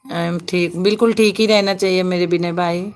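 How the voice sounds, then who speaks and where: A woman's voice: fairly low pitch, steady tone, moderate pace. A woman hosts a casual live stream on her phone and chats away. She reads viewer comments aloud, greets people one by one and laughs often.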